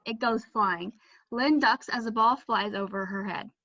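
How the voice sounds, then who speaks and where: Fairly high-pitched, bright and forceful, this woman's voice keeps a measured pace with no echo. She reads the scripted introduction and stage directions as narrator in a virtual play staged over video call, where the audio is slightly muffled.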